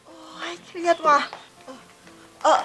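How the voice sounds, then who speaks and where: A woman playing an anxious, excitable newly promoted employee who frets and exclaims loudly in an online short drama. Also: slow pace, faint music behind. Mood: flustered. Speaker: new marketing manager.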